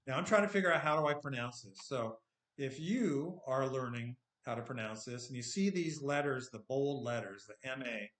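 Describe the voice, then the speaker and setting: A man's voice: mid-range voice, animated, normal speed, a bit bright, roomy sound. A man with a Californian American accent and a touch of Texan, teaching English in a patient tutorial, often checking in with "okay?". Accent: Californian American with a little Texan. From United States. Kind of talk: screen-share tutorial lesson.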